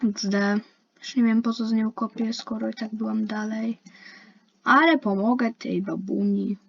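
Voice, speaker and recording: A woman's voice: on the high side, fairly even intonation, measured pace, creaky, breathy edge. A young woman giving casual, chatty commentary while playing an online game, complaining and talking to herself and the other players. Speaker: gaming youtuber. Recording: dull lo-fi mic with faint hiss.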